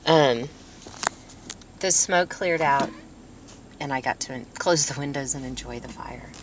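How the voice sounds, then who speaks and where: Low-voiced woman chatting in a noisy car. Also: unhurried. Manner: rambling, self-mocking, chatty. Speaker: vlogger. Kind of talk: casual storytelling vlog.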